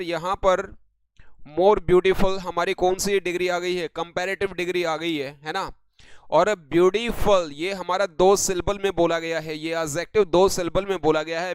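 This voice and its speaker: भारतीय लहजे वाला एक पुरुष अंग्रेज़ी शिक्षक लाइव ऑनलाइन क्लास में व्याकरण समझाता है और दर्शकों को "बेटे" और "भाई" कहकर पुकारता है।. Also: male voice, high-pitched, clean tone. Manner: addresses viewers as beta and bhai, reads sentences slowly. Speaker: English grammar teacher. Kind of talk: live online lesson.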